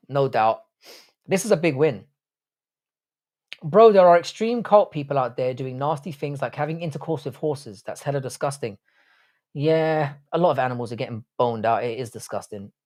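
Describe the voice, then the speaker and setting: A young livestream host, Irish-born but raised in the UK, reads chat messages aloud and fires back blunt, crude, jokey replies. His voice is fairly high and a little mellow.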